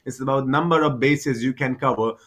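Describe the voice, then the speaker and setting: A man's voice: mid-range voice, a little fast, a bit bright. A man doing live baseball commentary, chatty and repetitive, explaining the game for cricket fans.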